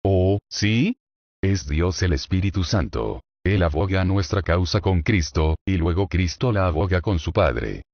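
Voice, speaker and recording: With an unhurried pace and lively intonation, a man of very low, deep voice reads a solemn, declamatory sermon. He develops his ideas by posing rhetorical questions. The audio sounds dull and lo-fi and completely dry.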